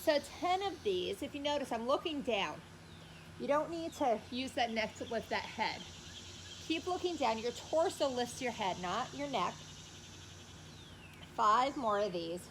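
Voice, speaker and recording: A woman's voice: fairly high pitch, expressive, a little slow. A woman fitness instructor talking through exercises step by step and counting in an encouraging way, recorded outdoors. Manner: encouraging, cueing moves step by step. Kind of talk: instructional workout coaching with counting. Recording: clearly noisy, loud cicadas outdoors. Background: loud buzzing cicadas.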